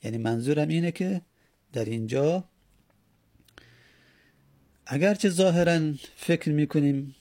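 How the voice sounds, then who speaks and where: Male teacher, gravelly mellow voice, patient step-by-step explaining, dry sound. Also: mid-range voice, no room sound. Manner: patient, repeats and spells out each step. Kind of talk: Arabic grammar lesson in Persian.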